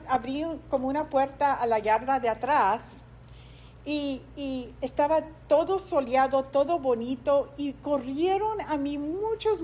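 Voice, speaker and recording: A middle-aged woman pastor preaches from the pulpit, her voice sitting high. She tells a personal story heartfelt animation and hesitant fillers. A faint hiss of background noise runs under her words. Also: darkish tone. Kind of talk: sermon. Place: church sanctuary.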